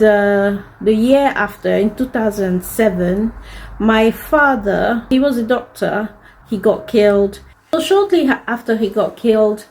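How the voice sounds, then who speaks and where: A woman's voice: mid-range voice, a little mellow, low-quality recording. Earnest French-speaking woman telling her story. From DR Congo. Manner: earnest, candid and heartfelt. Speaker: fashion designer telling her life story. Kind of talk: personal story to camera.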